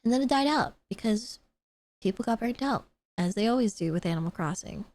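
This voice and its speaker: A woman streamer in casual chat, excitable and gushing, with squealing laughs and free swearing. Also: fairly high pitch, brisk, no room sound.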